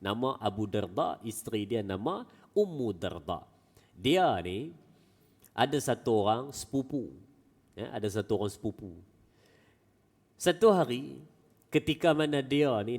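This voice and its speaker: A male preacher giving a Friday mosque sermon as an animated storyteller with folksy asides. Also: fairly low pitch, in a large hall. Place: small mosque prayer hall.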